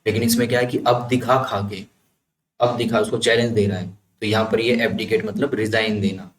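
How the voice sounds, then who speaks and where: A man's voice: on the low side, level tone, normal speed. A man teaching vocabulary with memory tricks, explaining step by step and checking understanding as he goes. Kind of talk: explanatory lesson with mnemonics. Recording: echoey room, faint ambient noise.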